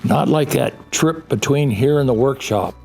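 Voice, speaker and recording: A man's voice: medium pitch, moderate pace, vocal fry, darkish tone, soft background music. A man playing a jolly, cozy old Santa Claus fond of puns in an audio drama, with a folksy, chuckling delivery. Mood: cozy, enthusiastic.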